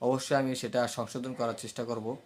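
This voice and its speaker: Man teaching letter sounds, halting slightly. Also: mid-range voice, flat delivery, darkish tone, slight background noise. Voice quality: slight speech hesitancy, words catch. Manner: repeats letters aloud and checks understanding often. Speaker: teacher of Arabic letter pronunciation. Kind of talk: spoken lesson drilling letter sounds.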